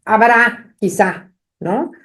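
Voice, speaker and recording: A woman's voice: medium pitch, drawn-out words, fairly bright tone. A woman, co-hosting a podcast and telling anecdotes straight to her listeners in a conversational way. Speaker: podcast co-host. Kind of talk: casual conversation.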